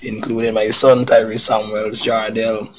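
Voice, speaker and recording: A man's voice: fairly low pitch, flat delivery, a little slow. A middle-aged man from Guyana, a rugby club president, talking as a guest on a live sports talk show in a chatty way, laughing easily.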